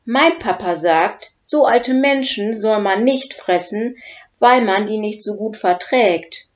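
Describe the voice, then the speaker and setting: A woman's voice: mid-range voice, slow, dull audio, lightly acted. A woman voicing a small, clever, cheeky young dragon who sometimes hisses and whispers, in a storybook reading. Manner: hissing and whispering at times, cheeky.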